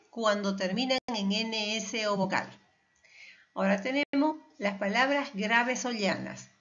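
Peruvian Spanish woman teacher, slightly high voice, patient and deliberate, dull lo-fi sound. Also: fairly bright tone. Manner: patient, explanatory, stretches out example words. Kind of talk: spelling lesson to students. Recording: dull lo-fi recording.

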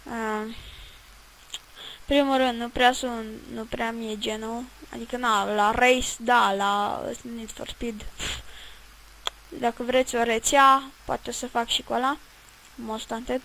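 A woman's voice: fairly high pitch, steady tone, a bit bright, low-quality recording. A woman giving rambling, chatty commentary while playing a video game, swearing at it now and then. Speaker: let's play gamer. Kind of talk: casual gameplay commentary.

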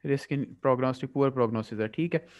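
A man with a Pakistani accent going through medical exam past papers as a tutor. He reads the English questions slowly, then explains quickly in Hindi-Urdu. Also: medium pitch, darkish tone. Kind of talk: past-paper review lecture. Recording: dull lo-fi audio.

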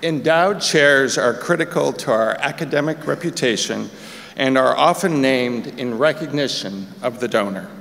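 An older man giving measured, formal prepared remarks from a podium as a board chair. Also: mid-range voice, vocal fry, fairly bright tone. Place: large chapel auditorium on stage. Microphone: podium microphone. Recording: long reverb in a large hall.

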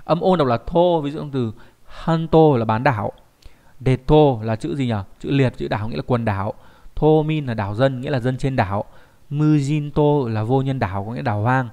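A man teaches kanji in an online lesson. His pitch sits in the middle range. He keeps checking in with the class through rhetorical questions as he explains. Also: normal speed, warm tone.

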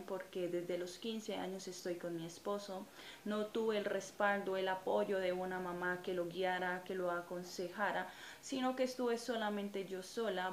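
A Colombian woman in her thirties giving a personal religious testimony to camera, earnest and reflective, with frequent hesitant fillers. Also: mid-range voice. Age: 30s. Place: small indoor room in front of a curtain. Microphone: camera or phone at close range. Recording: echoey room with faint ambient noise.

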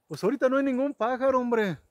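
A man's voice: very high voice, quick pace, heavy background noise. A man telling rambling, folksy ranch stories to his viewers, with many restarts and asides. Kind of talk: casual storytelling to camera.

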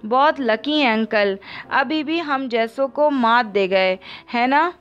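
A woman's voice: a little high, takes it slowly, a bit bright, clear, resonant tone, highs cut off, faint music behind. Teasing stubborn young man, read by a woman. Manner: playful, mischievous.

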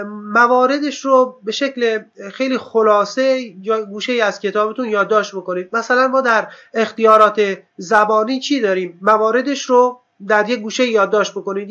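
A male teacher going over exam material with students, stressing key terms slowly and asking and answering his own questions. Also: sits high, sharp tone, dull audio. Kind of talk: exam review lesson.

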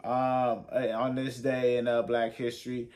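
A man's voice: medium pitch, little pitch movement, unhurried, darkish tone. A man in his thirties from Los Angeles, co-hosting a casual podcast from a living room couch, talking in a laid-back way and tagging his lines with "right?" and "though". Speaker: podcast co-host.

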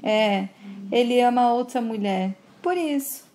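Wistful young woman confiding, read by a woman narrator, highish pitch. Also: unhurried, dark tone, slight background noise. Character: young woman opening up about a lost boyfriend.

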